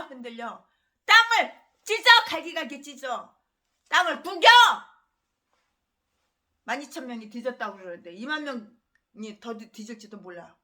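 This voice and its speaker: A woman pastor delivering a fiery, ranting sermon that swings between loud bursts and low, trailing drops.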